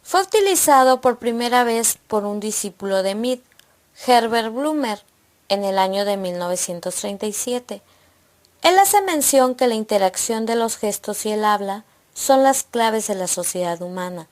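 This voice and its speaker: A woman narrates a scripted lesson in a slightly high voice. She reads steadily and works through numbered points one after another. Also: moderate pace. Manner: steady, read-aloud delivery listing points. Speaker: presenter of an educational video.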